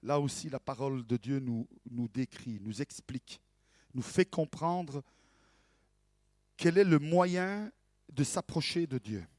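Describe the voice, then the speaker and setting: A male pastor preaching a sermon in an animated way, swinging from hushed to loud and asking rhetorical questions. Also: mid-range voice, slow pace, dry recording, studio quality.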